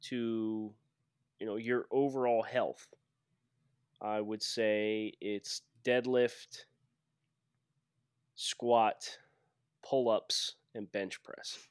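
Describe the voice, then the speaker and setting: A man's voice: on the low side, steady tone, very slow, pauses often, clean tone, no echo, clean studio sound. A man co-hosting a sports podcast in casual chat, explaining things point by point. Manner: explains in ticked-off lists. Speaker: podcast co-host.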